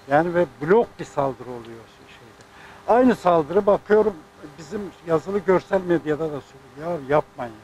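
A man's voice: fairly high pitch, darkish tone, a little hiss or hum, poor audio. Indignant older man with a raised voice. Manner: indignant, rambling, emphatic. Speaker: sports club president. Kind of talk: press statement.

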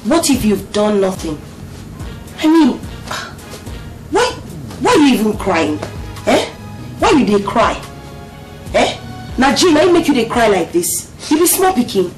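A woman's voice: a little high, measured pace, pauses often. A firm, soothing female friend. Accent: Nigerian. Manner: soothing, coaxing, lively. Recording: echoey room, distant mic, loud music.

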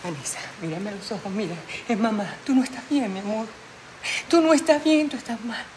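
A woman's voice: mid-range voice, a little fast, darkish tone, slight background noise, natural voice. A woman playing a tender, pleading mother. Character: tender middle-aged mother pleading with her daughter. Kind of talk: telenovela acting.

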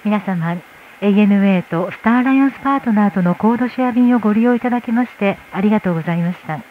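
This is a mid-pitched woman talking quickly as she gives a formal flight attendant announcement on the cabin PA. The audio is tinny and noisy, and cabin noise fills the background.

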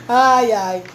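A woman's voice: high-pitched, slight background noise. A chatty woman hosting a crafts live stream, greeting viewers by name and laughing often. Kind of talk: casual live chat.

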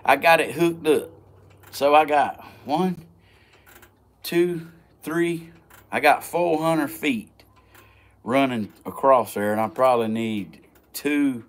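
A man with a Southern US accent and a slow, folksy drawl, chatting casually to viewers as he vlogs outdoors. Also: mid-range voice. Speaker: vlogger. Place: outdoors, rural yard and woods.

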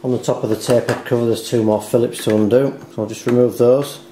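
Narrating a step-by-step repair at his dining table, a man speaks at a quick pace in a medium-pitched, dark voice with fairly even intonation, yet explains things carefully and without hurry. The indoor recording sounds roomy, with hiss and handling clicks in the background.

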